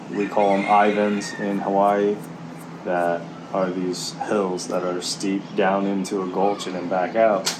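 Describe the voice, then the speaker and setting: A man talking candidly and haltingly in a casual, reflective vlog while out walking. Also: deep voice, background noise. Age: middle-aged. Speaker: vlogger, military serviceman and former Marine. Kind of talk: casual walk-and-talk vlog.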